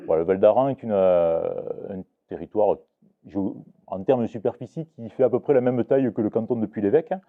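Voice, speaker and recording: Tinny audio carries a low-voiced man's brisk lecture on Occitan to a book fair audience. He hesitates, restarts and uses many fillers.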